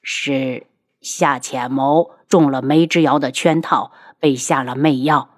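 A woman voicing a calm, protective young prince who soothes his wife in a low, measured voice. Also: heavily acted. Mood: confiding.

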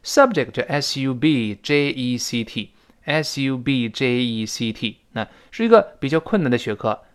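A man's voice: mid-range voice, expressive, measured pace, clean tone. A man teaching a spoken English lesson, explaining in Chinese, reading English example sentences and spelling words out letter by letter.

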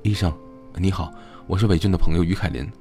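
A sincere young man, awkward and a bit embarrassed, as a male narrator puts him on. The voice is low, with faint music behind the audiobook reading. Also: fairly even intonation, fast, warm tone. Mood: earnest. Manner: hesitant and embarrassed.

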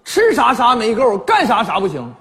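A man voicing a bossy male boss who scolds loudly. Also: extremely high pitch, huge pitch swings, moderate pace, exaggerated voice. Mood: scolding. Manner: shouting, scolding. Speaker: boss character in a sketch.

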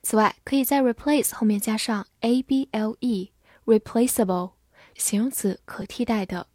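A woman teaching English vocabulary in a scripted lesson, spelling each word letter by letter and reading example sentences slowly. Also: a little high, dark tone, dry recording, studio quality.

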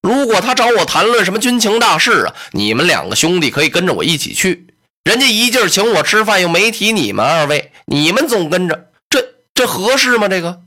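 A wary, humble lord talks in a low, hushed voice, calming his hot-headed brothers. A storyteller puts him on with soft, cautious tones that sit below a bright, lively narrating voice. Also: brisk, hardly any pauses. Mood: gently dismissive. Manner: hushed, soothing, nervously cautious. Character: cautious, humble male lord, middle-aged, anxious.

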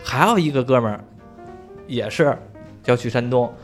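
A man's voice: mid-range voice, lively intonation, normal speed, faint music behind. A man telling a story in casual chat, swearing freely and laughing along.

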